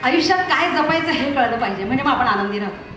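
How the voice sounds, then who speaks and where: A woman telling a funny story to a concert audience between songs, speaking in a lively, chatty way into a stage microphone. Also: sits high, fast talker, music in the background. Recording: echoey live hall sound.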